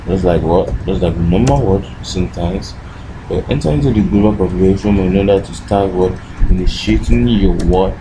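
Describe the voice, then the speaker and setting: The man's voice sits low and moves at a moderate pace against a noisy background. He gives a relaxed, step-by-step tech lesson as the instructor, frequently asking and then answering his own short questions with a recurring "what".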